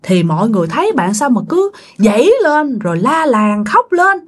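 Woman host, chatty storyteller, very animated pitch, speaks to listeners. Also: normal speed, breathy edge. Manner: chatty, addresses listeners directly. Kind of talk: casual ghost-story narration.

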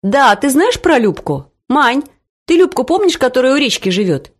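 A woman reading aloud, voicing a chatty middle-aged mother who gossips in a high, excited voice. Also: normal speed. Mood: gossiping.

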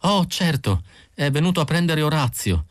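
A man's voice: fairly high pitch, sing-song, moderate pace, no echo, clean studio sound, voice pushed up. Man doing a tearful grieving housewife. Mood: distressed. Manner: tearful, pleading. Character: grieving middle-aged housewife, emotional and anxious. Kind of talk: audiobook character voice.

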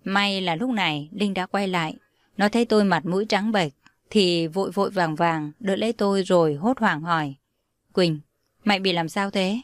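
A young woman reads a first-person story in a calm, steady voice. Her pitch sits in the middle range, and the recording is dry and close with no room sound. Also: normal speed, no room sound.

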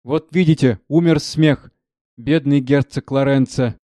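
A man's voice: mid-range voice, measured pace, dark tone, no echo, studio quality, close to an everyday voice. A man reading aloud, voicing a stout, bossy male steward who barks orders at the servants. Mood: lamenting. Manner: barking orders.

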